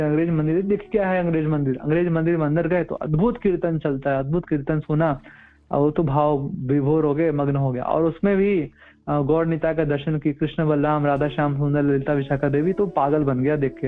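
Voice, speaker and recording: Guy giving a devotional sermon, earnest storyteller, repeats himself a lot, high voice, faint music in the back. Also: fairly even intonation, normal speed. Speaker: preacher. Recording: tinny phone-like audio with faint music.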